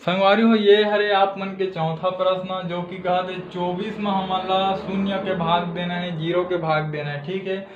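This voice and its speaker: A man's voice: high-pitched, level tone, moderate pace, hardly any pauses, roomy sound, lo-fi sound, a little hiss or hum. A man with a Chhattisgarhi accent teaching a math lesson step by step, saying "okay" again and again and answering his own questions. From Chhattisgarh, India. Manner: says "theek hai" constantly, asks and answers his own questions.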